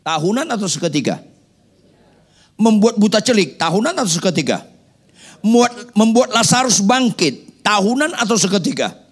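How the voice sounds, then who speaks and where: A man's voice: high-pitched, very animated, normal speed, slightly rough. A man preaching a sermon, firing rhetorical questions at the congregation with playful joking asides. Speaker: pastor.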